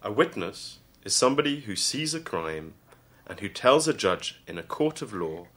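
A man voicing a polite police officer who speaks slowly and kindly. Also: lowish voice, very animated, a bit bright, voice pushed up. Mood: calm. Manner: slow, measured, friendly. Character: tall polite male police officer, calm.

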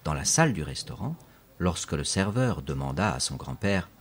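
A man narrating an audiobook in a steady, clear reading voice. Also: sits low, normal speed.

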